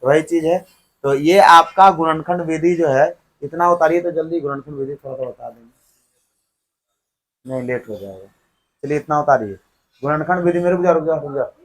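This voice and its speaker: Male teacher, slightly high voice, call-and-response classroom style. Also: normal speed, long pauses, fairly bright tone, low-quality recording. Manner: keeps quizzing the class, then answering himself. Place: classroom with students.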